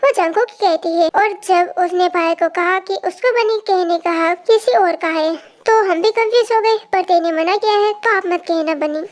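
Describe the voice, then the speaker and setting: A storyteller reading a fan story aloud and voicing every character's lines in a lively way, switching quickly from one to the next. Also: very high-pitched.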